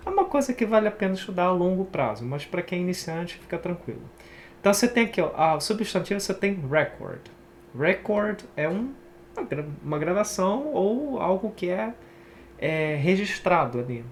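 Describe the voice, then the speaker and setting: A man's voice: high voice, very animated, fairly quick, a little hiss or hum. Chatty Brazilian male English teacher. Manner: casual and chatty, explains while writing on screen. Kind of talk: online English pronunciation lesson.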